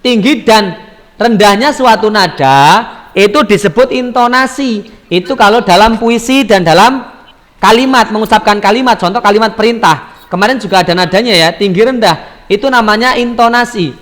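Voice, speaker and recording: A man's voice: high-pitched, normal speed, a bit bright, big-room sound. A man teaching a primary school class online in speech, patiently asking questions and repeating the pupils' answers.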